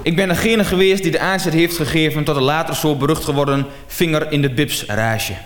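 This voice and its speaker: A man with a high voice performs a mock-confessional comedy monologue, climbing into excited shouting as the tale runs away with him. The old recording sounds roomy and carries clear background noise. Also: a little fast.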